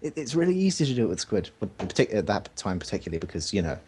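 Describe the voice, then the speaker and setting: A man's voice: on the low side, very animated, darkish tone, slight background noise. A man co-hosting a game stream, with dry, teasing banter. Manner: dry, teasing, quick talker. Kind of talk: casual chat on a game stream.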